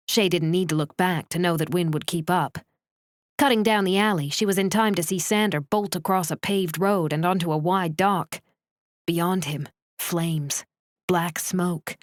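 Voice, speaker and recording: A woman narrating a romance novel in a measured, steady storytelling voice, close to the mic. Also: lowish voice, no room sound. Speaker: audiobook narrator.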